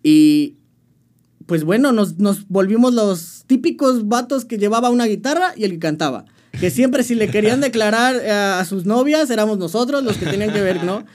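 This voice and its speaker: His voice sits high with lively intonation, a darkish tone, and moderate pace. The young musician guest, Mexican-accented, chats casually through his story in an interview, using slang and frequently starting sentences over.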